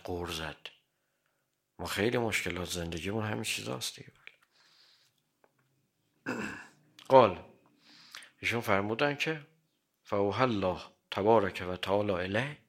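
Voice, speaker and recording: A man giving a religious sermon, quoting Arabic sayings and explaining them in everyday Persian, often clearing his throat. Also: lowish voice, a bit bright. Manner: quotes Arabic hadith then explains in plain Persian. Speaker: cleric.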